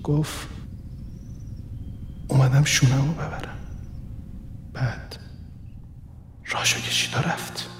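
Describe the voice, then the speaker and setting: A man narrating a first-person radio story in a quiet, reflective, measured way. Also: mid-range voice, little pitch movement. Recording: reverberant room with soft background music.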